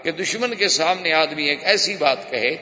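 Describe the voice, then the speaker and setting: A male preacher telling stories in an animated sermon, with shifting pitch and strong emphasis. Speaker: religious preacher. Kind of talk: storytelling sermon. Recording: echoey hall, dull lo-fi sound.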